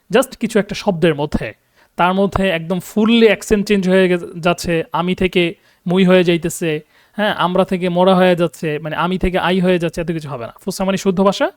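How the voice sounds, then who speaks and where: Guy teaching an online class, pretty high voice, dry close sound, lots of um's and checking ok?. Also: no echo. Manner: explanatory, checks with "ঠিক আছে?" often; many hesitation fillers. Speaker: Arabic teacher.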